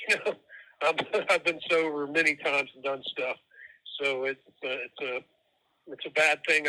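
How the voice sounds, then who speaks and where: Guy on a prison phone, halting and blunt, kinda high and really bright. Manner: halting, repeats words, matter-of-fact. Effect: prison phone line. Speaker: prison inmate calling in. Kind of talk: candid phone call.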